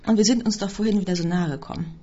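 A woman voicing a possessive, controlling husband who speaks in a falsely soothing way, in a husky voice. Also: medium pitch, fairly even intonation, very fast, mellow, natural voice. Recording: dull lo-fi recording.

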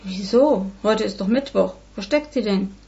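A woman's voice: medium pitch, normal speed, creaky, warm tone, muffled recording, lightly acted. Woman doing a busy, sighing dad. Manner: sighing, indulgent. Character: busy, mild-mannered father.

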